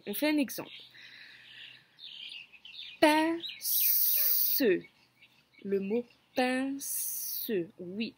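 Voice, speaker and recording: A woman teacher leads a phonics lesson for children, speaking slowly and clearly and drawing out words for listening games. Her voice is a little high, and there's slight hiss or hum in the recording.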